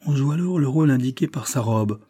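A man's voice: mid-range voice, animated, fast, dark tone, husky, voice pushed up. A man reading aloud voices a proud, worldly middle-aged woman dressmaker who speaks in a dry, knowing, confiding way.

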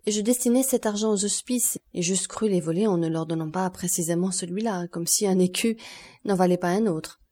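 A woman's voice: on the low side, fairly quick, mellow, natural voice. A woman reading an audiobook, voicing a boastful, proud male banker who turns nervous and stammering. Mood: affolé. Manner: swaggering, then flustered and stammering.

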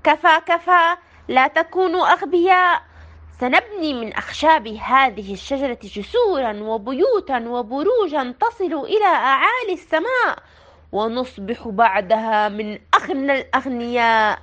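A woman voicing an angry, greedy male furniture seller who shouts at the villagers. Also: high voice, animated, moderate pace, highs cut off, voice pushed down. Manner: shouting, bossy.

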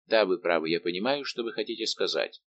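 A man's voice: deep voice, animated, a little fast, fairly bright tone, lo-fi sound, slight background noise. A man reading a tormented lovesick king.

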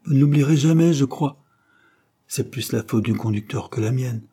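A headstrong, impetuous young woman, merry and quick to ask after everyone, voiced by a man reading a storybook. The voice sits noticeably higher than his own and keeps a dark, slightly husky grain. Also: natural voice. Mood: eager. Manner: eager, quick questions. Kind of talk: audiobook character reading.

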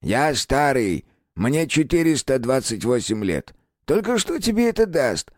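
A man voicing a small, furry, ancient house spirit in an audiobook, creaky and grumbling, teasing the boy he talks to. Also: mid-range voice, very animated, a little slow, no room sound, clean studio sound, voice pushed up. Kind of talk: audiobook character voice.

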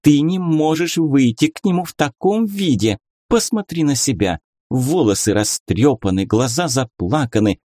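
A man's voice: on the high side, lively intonation, normal speed, mellow, no echo, clean studio sound, pitched above the performer's own voice. A man voicing a young nurse in an audiobook, talking in a honeyed, cooing, motherly way. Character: young nurse, sugary, worldly-wise confidante. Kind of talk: audiobook character reading.

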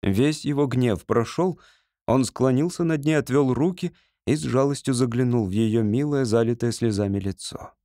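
A man narrating an audiobook story in a measured, even manner on a close microphone. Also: medium pitch, dry recording. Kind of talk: scripted narration.

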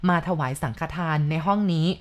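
A woman voicing a frightened older mother who pleads slowly and earnestly with ghosts in a told story. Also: natural voice.

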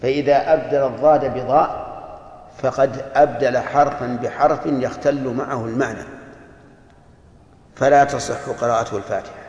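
A man with a Najdi Saudi accent teaching a religious text to a class, explaining deliberately and putting questions to his students. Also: mid-range voice, fairly even intonation, a little mellow, muffled recording. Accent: Najdi Saudi Arabic. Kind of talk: classroom lecture explaining a book. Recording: echoey hall with long reverb.

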